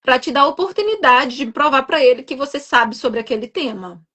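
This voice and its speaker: A young adult guest nurse educator from Minas Gerais, Brazil, speaks Portuguese with a Minas accent, explaining and reassuring in a live stream chat and often tacking on tag questions. Her voice sits high, with lively intonation, a slightly fast pace, a sharp tone and a breathy edge.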